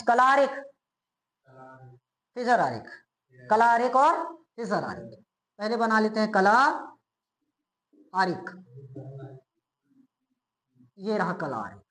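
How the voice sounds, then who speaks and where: A male physics teacher giving a classroom lecture. He keeps asking quick checking questions and answers them himself, and he repeats key terms slowly. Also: very high-pitched, a bit bright. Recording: roomy echo, as if in a bare classroom.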